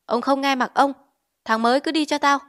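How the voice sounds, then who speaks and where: A woman's voice: a little high, a little fast, a bit bright, natural voice. A woman voicing a hot-tempered male village chief, blustering and giving orders in a storybook reading. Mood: angry.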